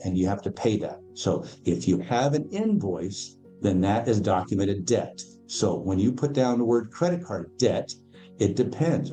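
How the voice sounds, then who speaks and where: Dark-voiced man explaining with emphasis. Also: on the low side. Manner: emphatic storyteller, acts out quoted voices. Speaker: podcast guest, financial educator. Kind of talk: casual interview explanation.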